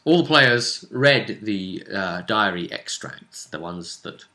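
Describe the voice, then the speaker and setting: A man with a fairly low voice plays game master, casually recapping a tabletop roleplay session at a slow, animated clip with a sharp edge. He tells it like a conversational story and acts out brief character quotes.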